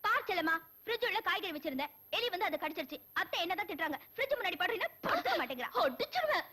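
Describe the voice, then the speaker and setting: A woman's voice: very high voice, racing, heavily acted. An actress playing a young married woman who coaxes and pleads animatedly. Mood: coaxing. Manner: coaxing, animated. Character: coaxing young daughter-in-law, female.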